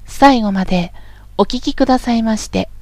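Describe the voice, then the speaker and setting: A woman instructor talks through a voice lesson in a calm, polite, measured way. Her voice sits fairly high and is recorded dry and close, with no room sound. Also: no room sound. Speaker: voice training instructor. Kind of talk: scripted voice lesson narration.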